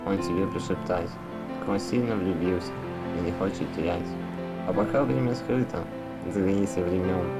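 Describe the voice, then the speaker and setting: A man singing a melodic ballad. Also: deep voice. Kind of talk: sung ballad.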